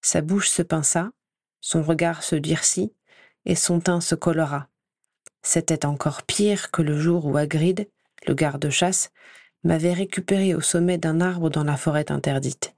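A woman reading a first-person story aloud in a measured, clear storytelling manner. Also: low-pitched, a little mellow, no echo, studio quality. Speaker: audiobook reader.

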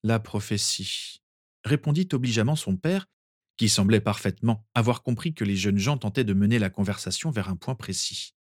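A man narrating a story aloud in an expressive storytelling manner. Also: fairly low pitch, brisk, dry recording, clean studio sound. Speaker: reader. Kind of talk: audiobook narration.

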